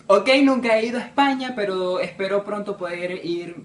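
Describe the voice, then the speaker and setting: A twenty-one-year-old man with a Venezuelan accent gives rapid-fire interview answers. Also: sits high. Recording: roomy echo.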